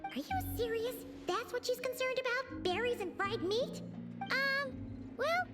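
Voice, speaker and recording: Very high, bouncy small game sidekick, chirpy, loud music behind. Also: female voice, expressive, measured pace. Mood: incredulous.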